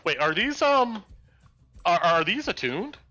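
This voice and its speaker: A man's voice: high voice, big pitch swings, unhurried, pushed and bright, highs cut off. A man narrating a live tabletop role-playing game as its game master. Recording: music behind the voice.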